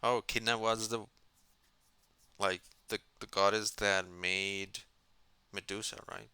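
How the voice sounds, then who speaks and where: A man's voice: on the low side, flat delivery, unhurried, bright, forceful tone, clean tone, dry recording. A man streaming a card game, musing in a mock-philosophical way and asking himself questions as he plays. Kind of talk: casual live-stream commentary.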